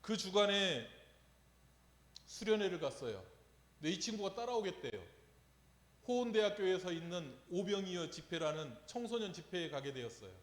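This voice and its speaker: A man's voice: high-pitched, sing-song, normal speed, pauses often. A man preaching a sermon, telling a story and asking the congregation rhetorical questions. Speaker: pastor. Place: church sanctuary. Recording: echoey church hall with long reverb.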